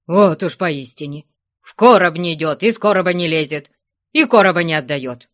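A man's voice: fairly high pitch, lively intonation, moderate pace, fairly bright tone, no room sound, clean studio sound. A man reading aloud, voicing an older villager who keeps urging and admonishing a stubborn younger man. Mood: persuading. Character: persuasive older male villager, insistent.

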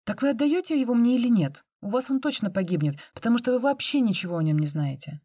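A woman's voice: fairly high pitch, animated, fast, warm tone, no room sound, studio quality, voice pushed up. A woman voicing a stubborn nineteen-year-old girl with an insistent, pleading manner.

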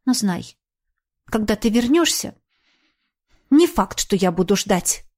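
A woman's voice: medium pitch, very animated, slow, a little mellow. A woman voicing a proud young woman in an audiobook, prim and hostile in manner. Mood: cold, hurt. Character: prickly, proud young woman, cold and hurt. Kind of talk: audiobook character voice.

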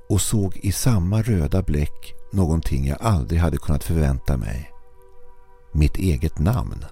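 A man narrating a scripted horror story in a measured, steady way. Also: low-pitched.

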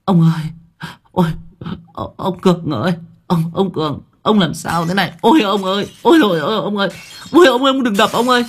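A man's voice: high voice, sing-song, moderate pace, creaky, fairly bright tone, husky, voice pushed up, full character voice. A man voicing a frantic middle-aged wife who wails and sobs through her words. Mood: wailing. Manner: wailing and sobbing.

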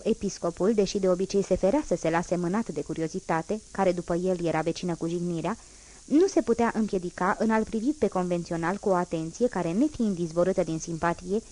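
A woman narrating a classic novel as an audiobook reader, in a measured, even manner. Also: mid-range voice, low-quality recording.

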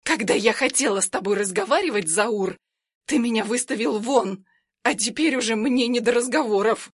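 A woman voicing a furious, reckless young woman holding someone at gunpoint, snarling and shrieking her threats in a hoarse voice. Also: fairly high pitch, moderate pace, no echo, studio quality.

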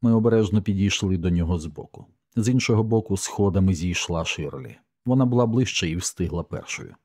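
A man narrating a horror audiobook in a measured, somber way. His voice sits very low with a dark, mellow tone. The recording is close and completely dry. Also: no room sound.

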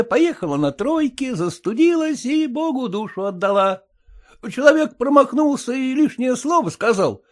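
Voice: medium pitch, close to an everyday voice. Reader doing a coarse, pushy young husband. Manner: folksy old-fashioned speech, coaxing and nagging. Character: newly married merchant husband, pushy and coarse.

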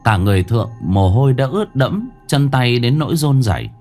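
A man's voice: mid-range voice, big pitch swings, fairly quick, a little mellow, soft background music. A man narrating a ghost story in a dramatic, suspenseful storytelling manner. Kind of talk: scripted horror narration.

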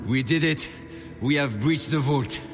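A man playing a loud French explosives man. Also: mid-range voice, unhurried, big-room sound, music in the background, lightly acted. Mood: worried. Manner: shouting orders. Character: brash male French heist explosives man. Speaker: demolitions expert. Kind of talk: video game acting.

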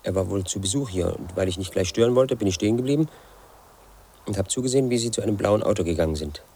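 In a radio play monologue, an actor in his thirties plays an obsessive, aggrieved man narrating his own story. His lowish, husky voice moves fast, and his delivery is flat, insistent and quietly resentful.

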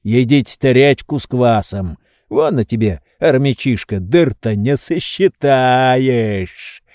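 A hoarse old manservant, touchy and fiercely devoted, wheezing out heated boasts and insults, as a man puts him on in an audiobook. He drags his words slowly in a dark voice on a dry recording. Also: medium pitch, expressive, dry recording. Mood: indignant. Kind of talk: audiobook reading.

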